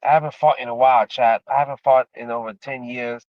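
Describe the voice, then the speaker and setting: A former MMA fighter in his fifties from Miami, Florida, USA, chats casually with his livestream audience, rambling and repeating himself with plenty of "man" and "you know." His medium-pitched voice is brisk with fairly even intonation, and the muffled recording has no room sound.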